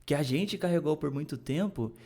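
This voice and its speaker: A man's voice: a little high, lively intonation, moderate pace, warm tone. A man with a Brazilian accent hosting a language-learning video, explaining casually and emphatically in slang, straight to the viewer. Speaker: language coach and video host.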